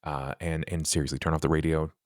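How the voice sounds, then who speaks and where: A man's voice: rumbling low, little pitch movement, fast, dry recording, clean studio sound, pitched below the performer's own voice. A man voicing a man who gives a young helper firm instructions. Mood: instructing.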